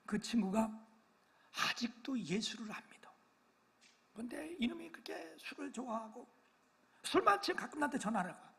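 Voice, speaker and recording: High, bright-voiced Korean pastor preaching. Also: male voice, sing-song, moderate pace, gravelly, pauses often, husky. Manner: storytelling, swings from hushed asides to loud exclaiming peaks; self-deprecating, teases the congregation for no amens. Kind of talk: sermon. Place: church sanctuary.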